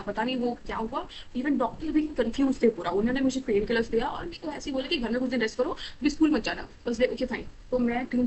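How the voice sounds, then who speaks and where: A young woman telling a personal story to camera, animated and quick, mixing in English phrases with frequent fillers. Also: a little high, slight background noise, poor audio. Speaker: storytime vlogger. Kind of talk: casual storytelling.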